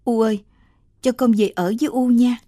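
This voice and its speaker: A woman's voice: fairly high pitch, steady tone, normal speed, dark tone, no echo, studio quality, natural voice. A woman voicing a frightened young mother of three who speaks in an anxious, pleading way.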